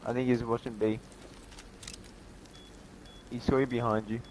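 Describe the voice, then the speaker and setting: A man on voice chat calls out enemy positions in quick bursts and teases his teammate, his pitch sitting in the middle for a man. A faint noise sits behind him. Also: little pitch movement, darkish tone, rough recording. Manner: teasing, rapid directional callouts. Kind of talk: casual gaming callouts.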